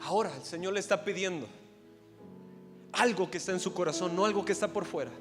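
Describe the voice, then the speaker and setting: Young Mexican pastor, very high, emphatic preaching voice with repeated phrases; church hall reverb over faint music. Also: male voice, fast talker. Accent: Mexican Spanish. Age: 20s. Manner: emphatic, repeating phrases and rising to loud peaks. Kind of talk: sermon. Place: church sanctuary.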